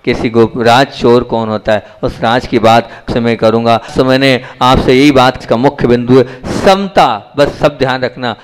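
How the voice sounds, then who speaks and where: A man's voice: steady tone, measured pace, few pauses. A man giving a spiritual sermon as a monk, putting questions to his listeners and then answering them. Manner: asks the audience questions and answers them himself; acts out dialogue in a story with shifting pitch. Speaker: Jain monk giving a discourse.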